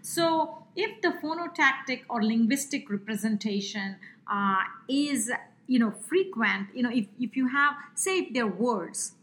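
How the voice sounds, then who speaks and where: A woman's voice: on the high side, animated, unhurried, a bit bright. Woman with an Indian accent explaining memory. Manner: explains at length with many fillers and restarts. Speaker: memory expert guest. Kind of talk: explanatory interview talk.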